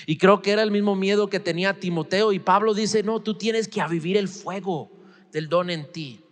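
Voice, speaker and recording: In a reverberant hall with long echo, a man in his forties, a native English speaker, preaches informally in Spanish as a second language. He speaks at a moderate pace in a high voice, delivering an expository sermon in which he plays out bits of dialogue and poses rhetorical questions to the congregation.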